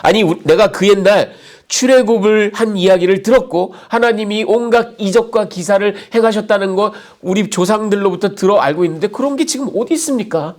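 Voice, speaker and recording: A man's voice: sits high, normal speed, darkish tone, close to an everyday voice. A pastor voicing a fearful young man who protests and complains in a raised, indignant tone.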